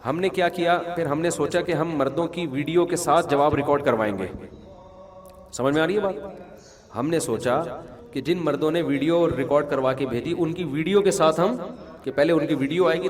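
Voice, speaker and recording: A man, a mufti answering questions in a conversational religious talk, mixing rulings with humorous anecdotes and checking that listeners follow. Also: a little high. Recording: long hall reverb.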